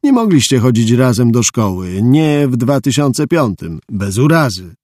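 A man voicing a gruff, heavyset pawnshop owner who answers in short, guarded lines. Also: medium pitch, very animated, a little slow, darkish tone, no room sound, clean studio sound. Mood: suspicious. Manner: curt, guarded replies.

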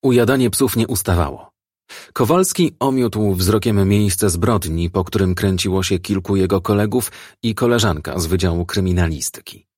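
A man narrates a crime novel in a low, husky voice with a steady, measured reading. The sound is close and dry, with no room around it. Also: dry recording.

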